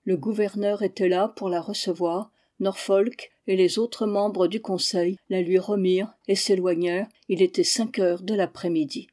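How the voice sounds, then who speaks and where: A woman narrating a history book aloud in a measured, expressive reading voice. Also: mid-range voice. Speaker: audiobook reader.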